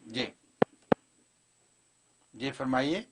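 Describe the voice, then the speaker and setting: A man's voice: mid-range voice, heavy background noise. A man hosting a call-in show, bringing in each caller with short, businesslike lines. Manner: brief, businesslike. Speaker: show host taking callers.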